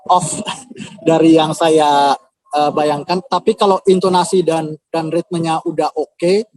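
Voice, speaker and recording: A man's voice: fairly high pitch, a little mellow, no echo. A man, a composer, answering viewers' questions on a live video call in a casual, hesitant way with many filler sounds. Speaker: composer and audition host.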